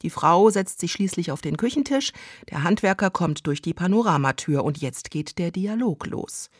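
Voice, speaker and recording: A woman's voice: fairly low pitch, animated, moderate pace, breathy edge, dry recording. A woman comedian telling a comic story in a dry, matter-of-fact way.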